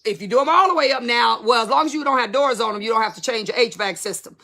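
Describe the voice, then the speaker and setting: Bright, gravelly-voiced woman in her fifties. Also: fairly high pitch, fast. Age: 50s. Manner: candid, emphatic, conversational slang. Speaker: salon business educator. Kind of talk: casual talk to viewers.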